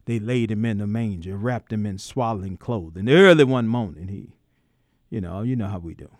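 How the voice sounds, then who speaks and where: A man's voice: on the low side, moderate pace, a little mellow, no echo, studio quality. A man hosting a call-in radio talk show, folksy and preacherly, voice rising and dropping in emphatic bursts. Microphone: studio microphone.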